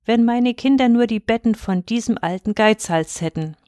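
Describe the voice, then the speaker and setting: A woman's voice: a little high, moderate pace, darkish tone, no room sound, lightly acted. A woman speaks as a poor, angry master shepherd in a rhymed Christmas tale. He is indignant and bitter, railing against the rich. The recording is dry and close-miked. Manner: indignant, rises into complaint.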